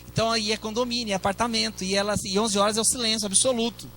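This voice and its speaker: Brazilian pastor, man, middle-aged; high and bright, chatty sermon with asides to the flock. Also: fairly even intonation, quick pace, a little hiss or hum, poor audio. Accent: Brazilian Portuguese. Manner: conversational preaching with asides to the congregation.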